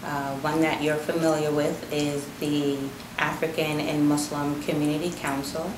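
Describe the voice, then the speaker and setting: A woman speaks in a low, steady voice, explaining her community work in a measured way with many pauses and fillers. The room is echoey, with noise and ambience behind her. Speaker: community outreach liaison. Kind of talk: interview answers.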